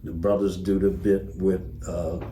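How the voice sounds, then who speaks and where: An older man with a low, level, mellow voice, a former tour manager, tells casual anecdotes as an interview guest at an unhurried pace. He acts out remembered dialogue as he narrates, in a roomy, echoing recording with slight background noise.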